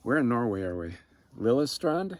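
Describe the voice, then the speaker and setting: Easygoing man with many pauses. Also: lowish voice, no echo. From Minnesota, United States. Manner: relaxed, many filler uhs. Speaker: vlog host on a bicycle tour. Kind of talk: casual outdoor video update. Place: outdoors by a lake in the rain.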